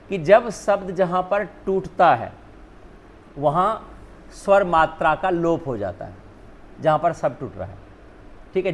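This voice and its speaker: A man's voice: fairly high pitch, a little hiss or hum. A male teacher whose first language is Hindi, explaining spelling rules step by step, often asking and then answering his own questions. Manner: repeats "ठीक है ना", asks and answers own questions.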